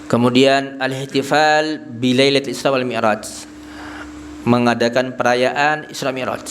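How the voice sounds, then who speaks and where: A man's voice: mid-range voice, steady tone, measured pace, fairly bright tone, slight background noise. Man giving a mosque lesson. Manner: tags nearly every phrase with "Pak"; asks the audience questions and answers them himself. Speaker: Islamic religious teacher. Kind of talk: mosque study-circle lecture. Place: small prayer hall.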